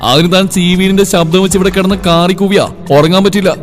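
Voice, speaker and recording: A reader voicing a gruff, irritated young man who has just been woken, in a long-reverb recording with faint music. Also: high-pitched, little pitch movement, a little fast, lightly acted.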